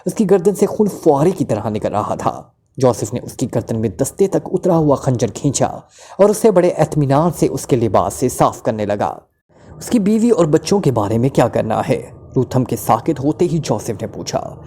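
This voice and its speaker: A man's voice: medium pitch, moderate pace, husky. A man reading a spy thriller novel aloud as the narrator, telling it steadily. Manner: steady storytelling, shifting into character voices. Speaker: story narrator.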